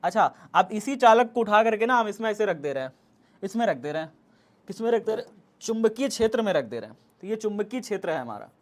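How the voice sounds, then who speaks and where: A man's voice: high voice, sing-song, fast talker. A man teaching a physics class, repeating each point and urging students to keep up. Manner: repetitive, coaxing, urging students to hurry. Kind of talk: classroom lecture.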